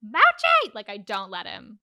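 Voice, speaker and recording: Bright, smooth-voiced woman for a curious podcast co-host, laughs a lot. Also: fairly high pitch, normal speed, no room sound. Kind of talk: casual recap chat.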